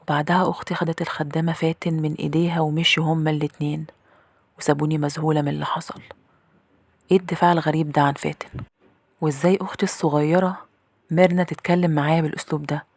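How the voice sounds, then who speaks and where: A woman's voice: deep voice, flat delivery, very fast, darkish tone, dry recording. A woman with an Egyptian accent narrating a first-person horror story in a tense, confiding way. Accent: Egyptian Arabic.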